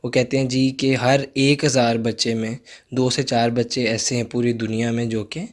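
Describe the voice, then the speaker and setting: A man's voice: mid-range voice, level tone, normal speed. A young man giving a recorded online psychology lecture, repeating key points and telling students to take notes.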